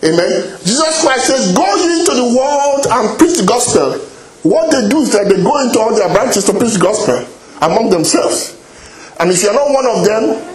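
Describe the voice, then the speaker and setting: A man preaching a sermon with lively exclamations of praise, often repeating and restarting his phrases. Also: high-pitched. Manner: animated, exclaims hallelujah and praise God often. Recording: echoey hall.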